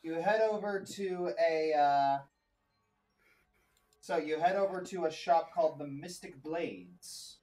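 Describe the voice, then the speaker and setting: A man narrating a tabletop game casually as game master, halting and repeating his phrases. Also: on the high side, warm tone, far from the mic, faint music behind. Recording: roomy echo, off the mic.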